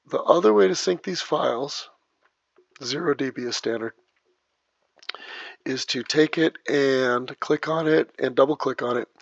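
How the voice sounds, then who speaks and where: A man teaching video editing step by step, narrating each click as he works, heard through low sample rate, muffled audio. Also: vocal fry, no echo. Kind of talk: step-by-step screen tutorial. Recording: dull lo-fi dry voice track.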